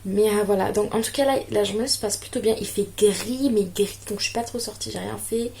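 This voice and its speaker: A woman's voice: mid-range voice, brisk, creaky, a little mellow, a little hiss or hum. A young woman from France chatting casually through a home vlog, self-mocking and full of fillers. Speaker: vlogger. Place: home, indoors.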